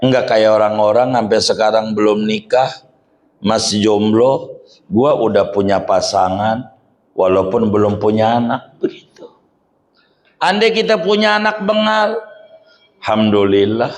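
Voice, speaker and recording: A religious teacher with a lowish voice delivers a joking Islamic study sermon to a gathering in colloquial Jakarta slang. He speaks unhurriedly, leaving long pauses.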